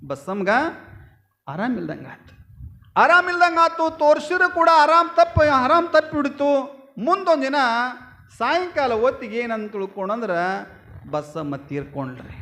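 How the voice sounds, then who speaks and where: A man giving a storytelling sermon as a swami, swinging between loud exclaiming and low murmuring. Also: expressive, moderate pace, pauses often. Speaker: swami preacher.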